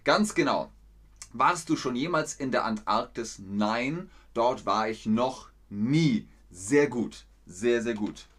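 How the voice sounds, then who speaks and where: A man teaching German in a live lesson, answering viewers' chat questions slowly and clearly with encouragement. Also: mid-range voice, animated, a bit bright. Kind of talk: live-streamed language lesson.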